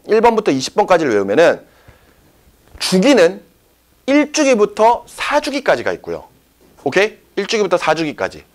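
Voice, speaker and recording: A male science teacher lecturing a class, his pitch sitting a little above the usual for a man. He talks with a very animated, rising and falling voice, and he keeps checking in with his students as he explains. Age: young adult. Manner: lively, checks often with students.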